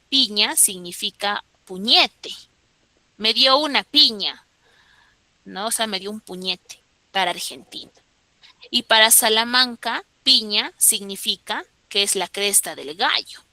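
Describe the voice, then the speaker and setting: A woman's voice: a little high, pushed and bright, no echo. A woman, teaching a class and often stopping to check that students follow. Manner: explains with frequent checking questions to students. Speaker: school teacher. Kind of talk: classroom lecture.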